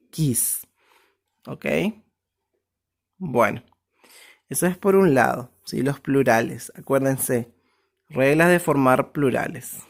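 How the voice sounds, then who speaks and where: Woman, English teacher, low voice, slow and patient, keeps checking for understanding. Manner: explains step by step, often checks with "¿sí?". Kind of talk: recorded online class.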